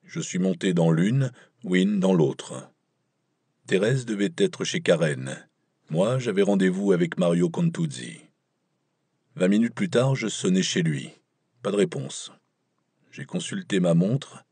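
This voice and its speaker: A man reads a first-person thriller with a measured, wry delivery. His voice sits very low and sounds husky. The recording is dry, with no room sound. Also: animated, a little mellow, no room sound. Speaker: audiobook narrator. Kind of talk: audiobook narration.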